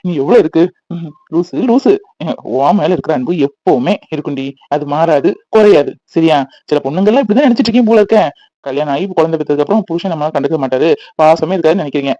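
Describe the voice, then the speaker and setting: A man's voice: a little high, dark tone, no room sound, natural voice. A man voicing an affectionate young husband who teases his wife playfully. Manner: teasing, fast and playful. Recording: dull lo-fi dry recording.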